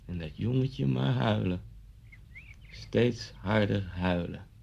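In a Dutch radio play, an actor plays an intense, brooding man confronting his old schoolmaster with vivid, pointed, insistent storytelling. His lowish voice is slow, gravelly, a little mellow and breathy, and exaggerated, on a dull lo-fi recording.

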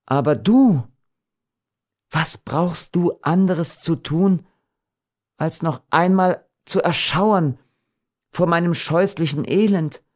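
A man reading an audiobook, voicing a gentle, doomed young woman in a raised, soft voice. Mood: quiet sorrow. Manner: soft, pleading, raised pitch.

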